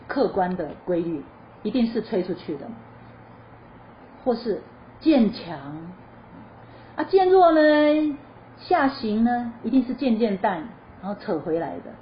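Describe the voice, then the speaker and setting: A woman with a medium-pitched voice gives a spoken choir lesson, explaining things in a lively way and singing short demo phrases. She's chatty, asking questions and then answering them herself. The recording is slightly dull and lo-fi, with faint noise.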